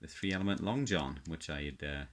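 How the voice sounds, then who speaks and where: Expressive and fairly quick, this bass male voice belongs to a middle-aged man from South Wales. As a radio hobbyist presenter, he shows his hobby casually and unscripted, hesitating and drifting into reminiscence.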